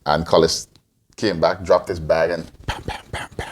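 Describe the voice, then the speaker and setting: Co-hosting a podcast, a Guyanese-born man in his forties who grew up in Antigua fields interview questions in a rambling way, restarting many times. He speaks at a moderate pace in a low, level voice.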